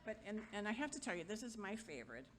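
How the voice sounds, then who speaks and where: A middle-aged woman giving an informal memorial eulogy, chatty and wry, joking with the crowd and sometimes halting. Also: mid-range voice, sing-song, slight background noise. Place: gathering hall at a memorial.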